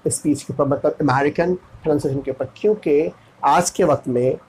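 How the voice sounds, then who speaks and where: Husky man teaching pronunciation. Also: fairly high pitch, a little mellow, low-quality recording. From India. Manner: repeats words slowly, spells letters out. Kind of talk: classroom pronunciation lesson.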